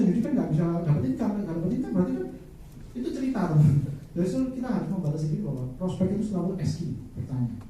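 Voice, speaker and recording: A man runs a sales training session, throwing rhetorical questions at the room and acting out exchanges with clients. His voice is dark and mellow, pitched a little high for a man. He is picked up from a distance in a very echoey room. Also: a little hiss or hum. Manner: asks the audience rhetorical questions and acts out client talks. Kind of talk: sales training talk to a live audience.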